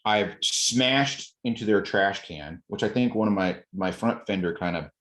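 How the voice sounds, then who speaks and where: Low-pitched male podcast guest, animated anecdotes with voiced quotes. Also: a little slow. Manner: animated retelling, acts out quotes, occasional laughs. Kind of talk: casual storytelling.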